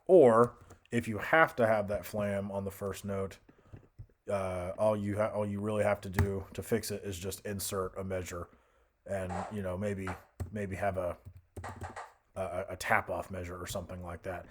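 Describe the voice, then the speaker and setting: A man giving a casual software tutorial as an instructor, hesitant and thinking aloud as he goes. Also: sits low, steady tone, moderate pace, noisy background.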